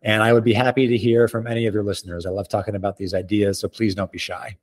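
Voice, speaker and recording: A man speaking as an expert interview guest, explaining in articulate, measured, formal phrasing. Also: on the low side, little pitch movement.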